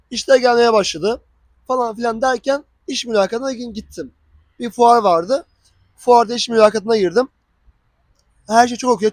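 Hikâye anlatan genç adam, tiz ses. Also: male voice, high voice, dry recording. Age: young adult. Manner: animated, acts out dialogue. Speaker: vlogger. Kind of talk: casual storytelling.

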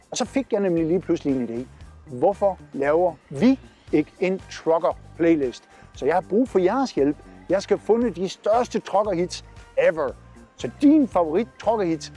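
Outdoors near parked trucks, a Southern Jutland Danish trucker vlogger in his forties gives casual, chatty narration straight to camera, gesturing and pointing as he goes. His cheerful voice is fairly high for a man yet dark in tone. Faint music runs beneath his lapel mic recording.

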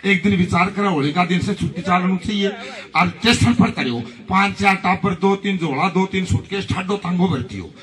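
A man's voice: high-pitched, normal speed, fairly bright tone, far from the mic. A man performing folk stage comedy, chanting rhymed couplets in rhythm between jokes. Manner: declaims rhyming couplets in a chanted rhythm, then tells jokes.

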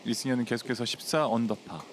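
A man working as a golf commentator, calling live tournament play in short, measured announcements. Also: mid-range voice, slight background noise.

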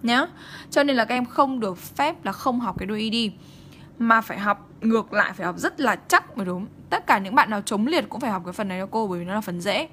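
Brisk Vietnamese woman teacher checking in. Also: mid-range voice, animated, fairly bright tone, a little hiss or hum. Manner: brisk and repetitive, checking in with students. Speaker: English teacher. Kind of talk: online exam-prep lesson.

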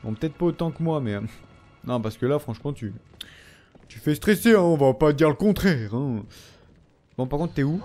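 A young man giving casual gameplay commentary, excitable, swearing and trash-talking enemies. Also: medium pitch, noisy background. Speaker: let's play commentator.

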